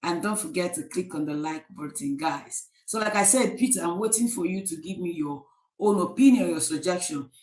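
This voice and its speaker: A Nigerian woman hosting a casual live stream, chatting with viewers by name and often pausing on fillers. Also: lowish voice, a little mellow, roomy sound, poor audio. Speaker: livestream host.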